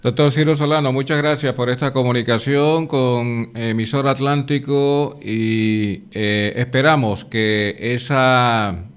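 A man interviewing on the radio, asking long, halting questions full of fillers. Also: mid-range voice, steady tone, smooth.

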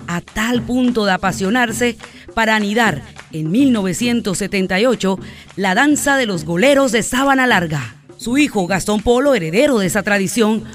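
A woman, reading scripted feature narration as a reporter. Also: a little high.

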